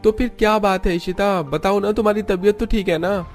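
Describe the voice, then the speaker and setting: Cartoon husband, young, gentle and caring, voiced by a man. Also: high-pitched, steady tone, fairly quick, faint music behind. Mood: concerned.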